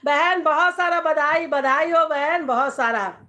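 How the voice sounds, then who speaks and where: A woman's voice: high voice, measured pace, bright, forceful tone, a little hiss or hum. A middle-aged woman with a Chhattisgarhi accent, hosting a casual live stream from home, chatting with viewers and reading out their comments. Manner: chatty, switching between Hindi and dialect, reading out comments.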